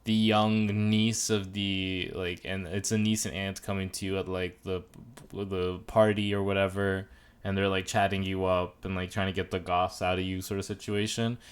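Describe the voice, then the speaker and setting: A man with a low, smooth voice speaks at normal speed while co-hosting a podcast. Reviewing a TV show, he chats casually, joking and rambling with animated asides and opinions.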